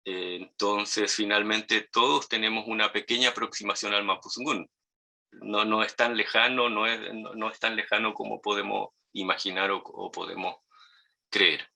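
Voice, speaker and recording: A man with a Chilean Spanish accent teaching a language lesson, patiently repeating and modeling each word slowly. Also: on the low side, fairly even intonation, creaky, bright, forceful tone, low-quality recording. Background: dogs barking nearby.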